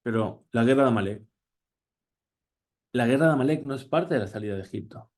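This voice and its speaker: A man, a rabbi, giving a Torah class, asking questions as he goes and quoting Hebrew phrases, often pausing to restart. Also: mid-range voice, a little mellow. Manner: teaching with questions and Hebrew quotes; frequent hesitations and restarts.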